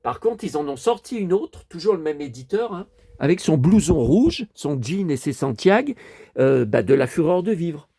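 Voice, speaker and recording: A man's voice: fairly high pitch, big pitch swings, normal speed, dark tone, breathy edge. A man casually presenting his toy collection to viewers, chatty and rambling, talking straight to the audience. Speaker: collector showing his toys.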